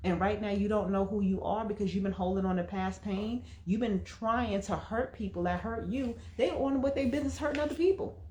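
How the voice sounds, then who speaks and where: A woman's voice: mid-range voice, brisk, hardly any pauses, warm tone, echoey room, slight background noise. A woman in her thirties, an emotional wellness coach, giving an emphatic and preachy livestream talk that speaks straight to her viewers.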